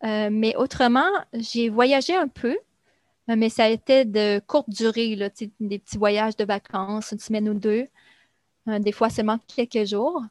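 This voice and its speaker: A young woman talks in an easy, chatty way, stopping often on small fillers as she explains. Her voice sits a little high. The sound is close and dry, with no room around it. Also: normal speed, no room sound. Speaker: guest recounting life in Brazil. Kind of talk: casual conversation.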